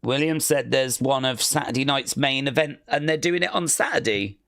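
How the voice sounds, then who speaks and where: A man's voice: mid-range voice, normal speed, fairly bright tone. A man co-hosting a wrestling podcast, chatting casually and hesitantly, often trailing off with "I don't know.". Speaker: podcast co-host. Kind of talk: casual chat.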